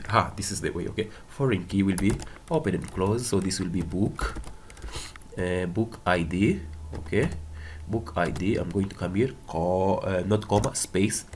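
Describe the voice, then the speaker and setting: In a relaxed coding walkthrough, a man whose first language is Portuguese, with the accent to match, explains each step, repeating words and adding short check-in tags. He sounds low, unhurried and darkish, with computer typing and clicks clearly heard behind him.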